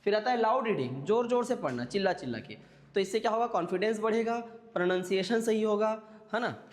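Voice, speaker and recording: A man's voice: sits high, animated, fast talker. Male teacher lecturing in a reverberant room. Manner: explains step by step, keeps checking in with listeners. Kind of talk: classroom lecture.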